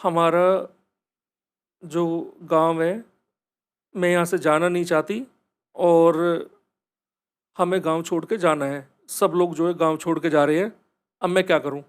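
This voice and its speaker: A man's voice: a little high, steady tone, unhurried, pauses often, smooth, natural voice. A man voicing a crying ghost girl who laments in a tearful way. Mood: sorrowful.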